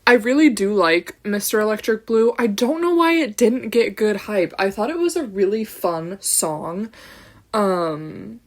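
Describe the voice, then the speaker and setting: A woman's voice: mid-range voice, expressive, normal speed, few pauses, darkish tone. A young woman hosting a casual solo podcast, chatting in a bubbly, rambling way, full of "like" and "um", drifting off on tangents and giggling. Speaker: podcast host. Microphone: own camera.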